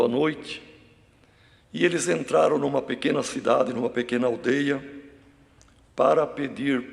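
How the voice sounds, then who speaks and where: A man preaching a sermon in a slow, halting way, often calling out to the brethren. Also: medium pitch, gravelly, long reverb tail. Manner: slow, halting delivery with frequent address to the brethren. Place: church hall.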